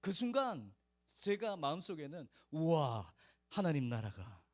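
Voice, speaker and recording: A man's voice: on the high side, big pitch swings, a little slow. A male pastor preaching a storytelling sermon in a conversational way, speaking directly to the children in his congregation by name.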